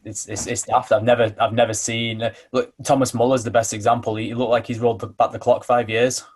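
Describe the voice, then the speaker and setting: A man from England co-hosting a football podcast, talking bluntly with lots of swearing and quick restarts. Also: mid-range voice, level tone, darkish tone, slightly rough. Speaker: podcast co-host. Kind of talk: casual chat.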